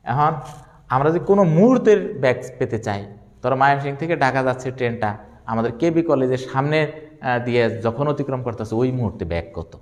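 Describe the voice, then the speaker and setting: Man, physics lecture, very animated pitch, asks and answers his own questions, long echoey reverb. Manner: repeats key terms slowly. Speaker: physics teacher. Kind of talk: classroom lecture.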